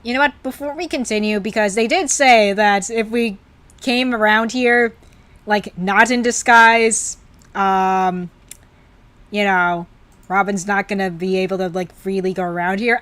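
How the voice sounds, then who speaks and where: A woman's voice: fairly high pitch, unhurried, a bit bright, no echo. A woman streaming a retro adventure game, chatting playfully and reacting to what happens on screen. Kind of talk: playing and reading a retro adventure game live.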